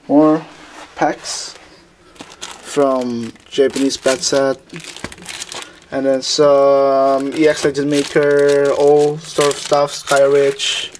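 A man gives a casual narrated tour of his indoor collection room, speaking haltingly with lots of fillers and restarts. His voice is mid-range, recorded on a handheld camera mic with a little hiss or hum.

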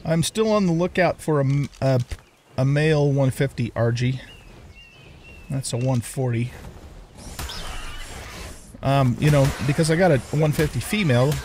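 A man's voice: mid-range voice, measured pace, long pauses, a little mellow, slight background noise. An older man hosting a let's play, chatting casually and thinking aloud with lots of fillers as he plays. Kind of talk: casual gameplay commentary.

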